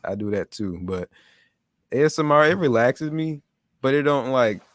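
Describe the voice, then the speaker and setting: A man's voice: mid-range voice, lively intonation, normal speed, dry recording. A young man hosting a casual tech livestream, talking in a laid-back, rambling way with restarts. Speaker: livestream host. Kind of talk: casual chat.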